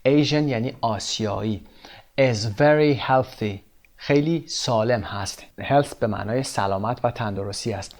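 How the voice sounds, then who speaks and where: A man with a Persian accent teaching English from a textbook. He reads the English examples slowly, repeats them, and then explains them briskly. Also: mid-range voice. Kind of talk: textbook lesson walkthrough.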